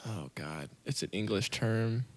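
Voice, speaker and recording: A man's voice: on the low side, animated, a little mellow, no room sound. A young man co-hosting a casual comedy podcast, throwing in wry quips and banter. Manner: quick banter, wry interjections. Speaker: podcast co-host.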